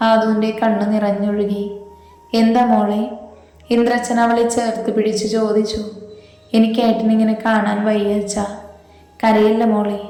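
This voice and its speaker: A woman's voice: medium pitch, mellow. A woman narrating an emotional family story and reading every character's lines in her own voice. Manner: reads all dialogue in her own voice. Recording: echoey room with long reverb.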